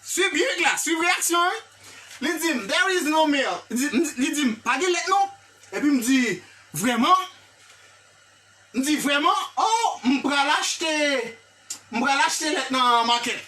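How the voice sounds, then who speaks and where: An English teacher with a Haitian accent giving a live online lesson, animated and repetitive, often checking in with the class and praising viewers by name. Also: high-pitched, moderate pace, far from the mic. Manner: animated, repetitive, checks in with "hein?" and "vous comprenez?".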